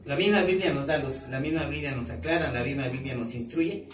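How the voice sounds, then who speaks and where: A man's voice: mid-range voice, fairly quick. A male pastor teaching a sermon, quizzing the congregation with questions and repeating key words. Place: church hall. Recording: echoey hall, voice from far off.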